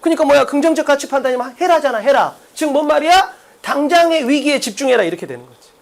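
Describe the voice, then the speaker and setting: A brash male test-prep lecturer at the blackboard talks bluntly, constantly tossing rhetorical questions at his students. His pitch swings widely, rising and dropping with emphasis as he drives each point home. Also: lively intonation, fast talker, gravelly.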